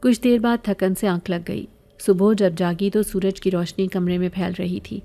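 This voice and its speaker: Woman reading a scary story, slow even telling, warm mellow voice. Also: mid-range voice. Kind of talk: scripted first-person horror narration.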